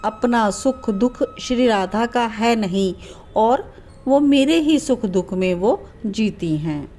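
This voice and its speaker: A woman's voice: fairly high pitch, lively intonation, takes it slowly, dark tone. A woman voicing the young male god Krishna in a devotional story, speaking with tender, pleading emotion.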